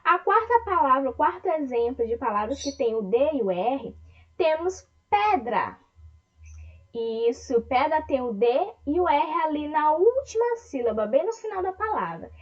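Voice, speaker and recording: A woman teaching an online lesson to young children, speaking with a Brazilian Portuguese accent. She talks slowly and breaks words into syllables, often asking the class questions. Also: sits high, muffled recording. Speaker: primary school teacher.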